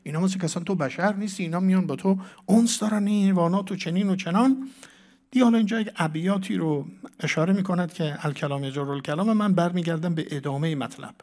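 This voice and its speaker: A man lecturing on mystical poetry, reciting verses and explaining them, with words that drop to hushed whispers and then rise to loud, emphatic declaiming. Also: high voice.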